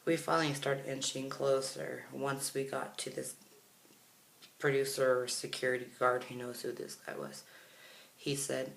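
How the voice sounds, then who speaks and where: An American vlogger from Kansas tells a rambling, chatty story, frequently correcting himself. His medium-pitched voice is creaky and fairly bright, and the recording sounds roomy and echoey.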